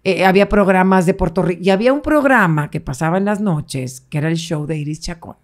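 Middle-aged woman, interview guest, lively storyteller. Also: lowish voice, fairly quick. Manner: animated, acts out quoted voices, laughs often.

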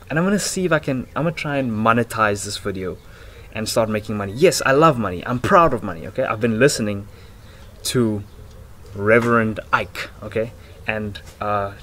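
A man in his twenties with a fairly low pitch, talking at normal speed, gives an excitable, slangy monologue, rambling, swearing and giggling as a self-improvement vlogger. Captured outdoors on a house porch by a laptop's built-in mic at arm's length, the audio is noisy.

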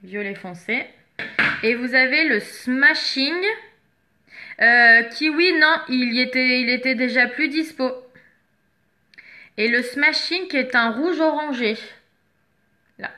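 Taking her time with long pauses, a woman with a high, sharp-toned voice presents makeup products for sale one at a time. She keeps up a chatty commentary, sometimes stopping to look for an item that's missing.

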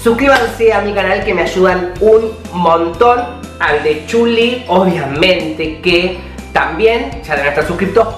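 A man's voice: high voice, slow pace, a bit bright. A young man with an Argentine accent chatting casually and playfully as host of a snack-tasting vlog. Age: young adult. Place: small bare-walled room indoors. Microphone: camera a short distance away. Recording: roomy, distant camera microphone, faint music.

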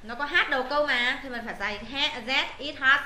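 Bright-voiced high woman teaching. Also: brisk, reverberant, slight background noise. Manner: patient, repeats words, checks students with questions. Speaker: English teacher. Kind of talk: exam answer walkthrough lesson.

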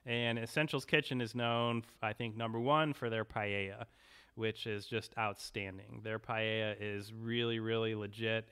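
A man co-hosts a podcast, introducing each item in a steady, upbeat way. His voice is bright and smooth, with little rise and fall in pitch. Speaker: podcast co-host. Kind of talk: casual chat.

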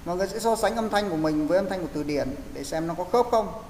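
Male pronunciation teacher, a bit high, coaching patiently in a roomy echoey space with faint hiss. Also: quick pace, a little mellow. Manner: explanatory, coaching students step by step. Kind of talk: online class instruction.

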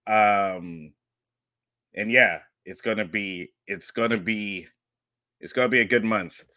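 Middle-aged man, podcast host, very bright tone, dry close studio mic, relaxed chatty delivery. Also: on the low side, takes it slowly, no room sound. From Pennsylvania. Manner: relaxed, chatty, with many fillers. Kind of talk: casual podcast chat. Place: home studio room with posters. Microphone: studio mic on a boom arm with headphones.

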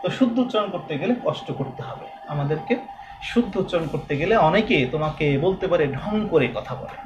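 A man from Bangladesh teaching a lesson, explaining patiently and slowly drawing out sounds as examples. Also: fairly high pitch, expressive, music in the background. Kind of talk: recorded classroom lesson.

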